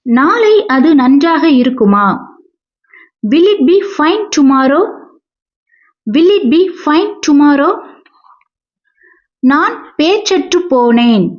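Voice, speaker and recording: A woman teaching English, reading each sentence and repeating it slowly and with careful enunciation. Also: high voice, a little mellow. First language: Tamil. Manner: slow, deliberate, clearly enunciated repetition. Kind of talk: language lesson, sentences read and repeated. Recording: dull lo-fi recording.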